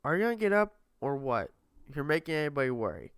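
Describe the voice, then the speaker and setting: A man's voice: high-pitched, brisk, darkish tone, clear, resonant tone, dry recording, voice pushed up, close to an everyday voice. A man voicing a worried, blunt young girl student who fires off urgent questions. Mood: impatient.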